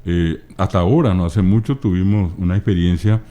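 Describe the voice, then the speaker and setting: Here is a middle-aged man from Paraguay, speaking with a Paraguayan Spanish accent and a very low voice. His tone is dark and mellow, and he talks like a teacher, breaking words apart slowly and patiently. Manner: patient, teacherly, spells out word forms slowly. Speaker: guest, Guaraní language scholar. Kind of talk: explanatory interview talk.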